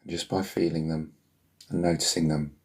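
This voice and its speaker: A man leading a guided healing meditation in a soothing, unhurried murmur, leaving long pauses between phrases, with a gravelly, husky voice. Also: very deep voice, little pitch movement, a little mellow.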